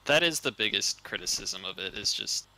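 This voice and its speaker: A man's voice: on the low side, expressive, normal speed, pushed and bright, rough recording. A man giving casual speedrun commentary, chatty and rambling, with lots of fillers and easy laughs.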